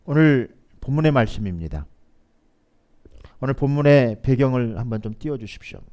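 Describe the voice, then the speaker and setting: Preaching on a Sunday, a pastor with a mid-range voice and lively intonation keeps a moderate pace. His delivery swings between soft asides and loud, forceful peaks, and he asks the congregation to say lines back to him.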